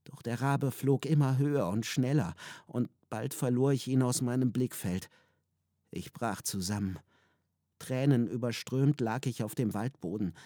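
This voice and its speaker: A man reads a storybook aloud at an unhurried pace in a calm, even tone. His voice sits at a middle pitch. The recording is very dry and close to the mic. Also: dry recording. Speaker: narrator. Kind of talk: storybook reading.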